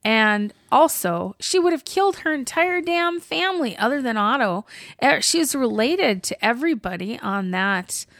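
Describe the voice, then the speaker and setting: A woman co-hosting a podcast, excitedly recapping a TV episode in casual chat and swearing freely. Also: fairly high pitch, normal speed, dry recording, clean studio sound. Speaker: podcast co-host.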